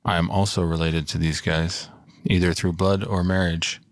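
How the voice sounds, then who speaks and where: Deep-voiced man in his thirties, rambling. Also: level tone, normal speed, no echo, studio quality. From Alaska. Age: 30s. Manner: loose, rambling with many fillers. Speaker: guest. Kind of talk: casual podcast conversation.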